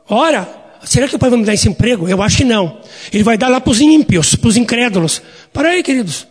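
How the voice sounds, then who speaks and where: A man's voice: very high voice, breathy edge, long reverb tail. A male pastor, preaching a sermon in a folksy storytelling way and often addressing the congregation as dear ones.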